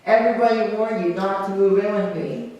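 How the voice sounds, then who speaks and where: A man voicing a scheming, frustrated young roommate who plays pranks, talking loudly and exasperatedly. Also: sits high, huge pitch swings, normal speed, muffled recording. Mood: furious. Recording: echoey room, mic at a distance.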